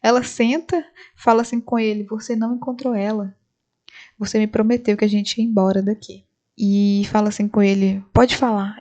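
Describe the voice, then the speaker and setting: A female film reviewer, home right after seeing a movie, casually retells it scene by scene for her channel and acts out what the characters say. Her mellow voice sits in the mid range, and the lo-fi audio is a bit dull.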